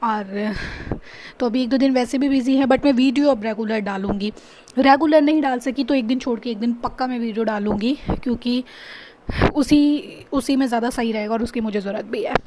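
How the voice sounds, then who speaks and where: A woman's voice: a little high, background noise. A young woman vlogging casually at home, chatting and venting about her frustrations. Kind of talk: casual vlog chat. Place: home kitchen.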